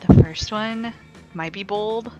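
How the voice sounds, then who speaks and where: A woman's voice: mid-range voice, slow pace, darkish tone, soft background music. A woman chatting casually while playing a game with a group. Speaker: player in a group playthrough. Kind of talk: casual chat during a game stream.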